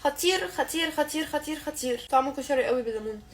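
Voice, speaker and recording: A woman's voice: high voice, a little hiss or hum. A young woman with an Egyptian Arabic accent chatting jokily to camera while cooking in her home kitchen at night. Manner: joking, teasing, rapid chatter. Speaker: vlogger. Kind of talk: casual cooking vlog.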